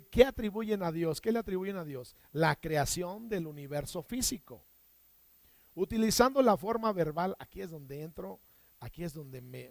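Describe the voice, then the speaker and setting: Guy teaching bible class, slow and deliberate, dry sound, gets folks to repeat words after him. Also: a little high, creaky, no room sound. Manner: asks questions and answers them himself.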